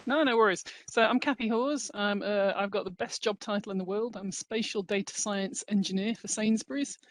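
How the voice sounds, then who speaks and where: A woman's voice: medium pitch, brisk, no echo. A woman, a data science engineer, introducing herself informally in a work meeting.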